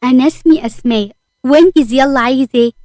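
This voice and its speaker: A woman's voice: high voice, quick pace, a little mellow, dry recording, studio quality, natural voice. A woman with an Egyptian accent voicing a fiery, stubborn young woman who speaks indignantly and sharply. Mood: angry.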